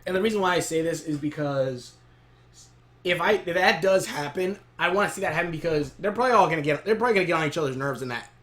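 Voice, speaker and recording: A man casually reviewing a cartoon episode to camera in a rambling, excitable way. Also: fairly high pitch, quick pace. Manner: rambling, excitable recap with frequent laughs.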